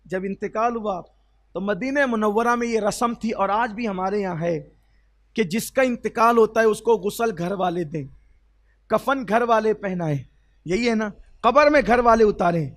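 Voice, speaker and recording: High-voiced emotional Urdu preacher, man. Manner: emotional, swells to loud exclamations and drops to soft; asks the audience rhetorical questions. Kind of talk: sermon storytelling.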